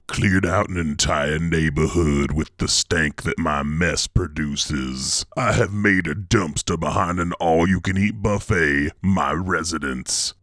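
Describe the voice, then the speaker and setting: Man playing a filthy boastful pirate DJ, low voice, very slow folksy drawl, crude, dry close sound. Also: fairly bright tone, dry recording. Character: grimy boastful male pirate radio DJ, king of mess. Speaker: pirate radio DJ. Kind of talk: actual-play radio show bit.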